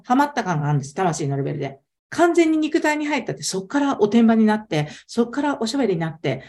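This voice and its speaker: A woman's voice: mid-range voice, a little mellow. A woman, an interview guest telling her story in a casual, emphatic way.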